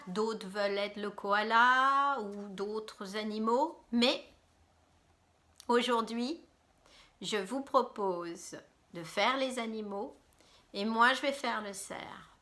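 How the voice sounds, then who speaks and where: A woman teacher telling a story to her pupils, speaking directly to them and inviting them to join in. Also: fairly high pitch. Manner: slow, animated, addressing pupils directly. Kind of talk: storytelling to children.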